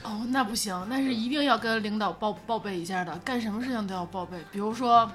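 A woman's voice: mid-range voice, quick pace, fairly bright tone, faint music behind. A woman chatting casually as a podcast co-host. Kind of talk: casual chat.

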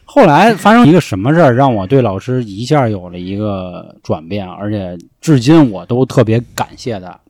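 A young man tells a rowdy story from his school days in a casual chat, cursing freely as he goes. His voice leaps up and down in pitch as he acts out the shouting in the story. The recording is dry and close, with no room sound. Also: big pitch swings, moderate pace, few pauses, no room sound. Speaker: storyteller guest.

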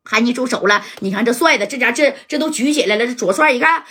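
A woman telling a gangster story in a casual, lively way, mimicking bangs and crashes and acting out the characters' shouts. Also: a little high, fast talker, breathy edge. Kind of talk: colloquial gangster-tale storytelling.

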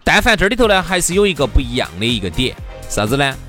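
A man's voice: on the high side, sing-song, quick pace, bright, forceful tone, faint music behind. A man with a Sichuanese accent co-hosting a casual comic chat, joking and teasing his partner. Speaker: co-host.

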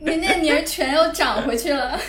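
High-voiced young woman on an echoey line. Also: brisk. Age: 20s. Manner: laughing, self-mocking storytelling. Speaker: guest. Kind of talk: casual chat. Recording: echoey, noisy remote line.

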